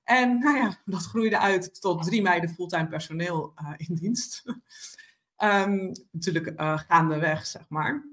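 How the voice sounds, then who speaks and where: A woman's voice: lowish voice, unhurried, a bit bright. A woman guest on a podcast, telling her own story in a reflective way with many hesitations and fillers. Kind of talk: personal storytelling in conversation.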